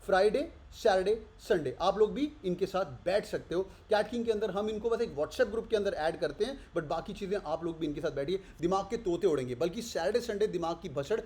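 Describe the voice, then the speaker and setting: High-voiced energetic male coaching teacher. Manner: energetic, switches quickly between languages, voices student questions. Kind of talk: course promotion pitch.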